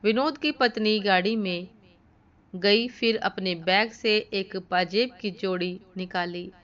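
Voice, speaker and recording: Woman reading a moral story, slow and steady, bright voice, muffled sound. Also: medium pitch. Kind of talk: devotional story narration. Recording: dull lo-fi recording.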